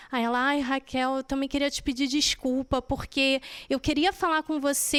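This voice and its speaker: A woman's voice: high voice, a bit bright. A woman giving a personal testimony in church, telling her story and acting out the conversations in it.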